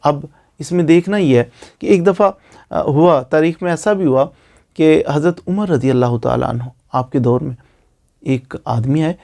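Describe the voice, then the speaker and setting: This man, a lawyer with a Pakistani accent, explains legal matters casually online and leans on repeated phrases for emphasis. He speaks at a normal speed in a fairly high voice that's gravelly yet mellow.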